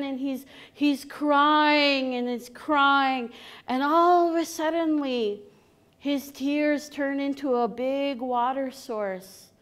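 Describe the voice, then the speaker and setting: A woman telling a traditional story to an audience, acting out the characters with expressive sounds and an unhurried delivery. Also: high voice. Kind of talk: live oral storytelling lecture.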